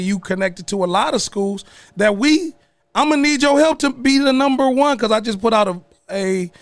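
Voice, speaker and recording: A man's voice: high voice, no echo. A man hosting a morning radio show in casual chat, joking and laughing with a caller.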